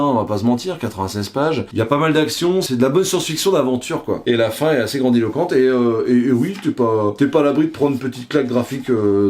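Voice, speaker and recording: A man reviewing comic books on his vlog in a loose, chatty way, with a voice at an ordinary middle pitch. He jokes and swears freely and keeps jumping into high, goofy asides. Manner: joking, animated, swears a lot, breaks into silly voices.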